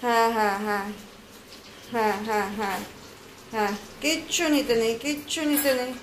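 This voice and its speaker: A woman's voice: a little high, moderate pace. A woman at home talking baby-talk to her pet, coaxing and sing-song, repeating words over and over. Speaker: pet owner. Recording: echoey room with noise.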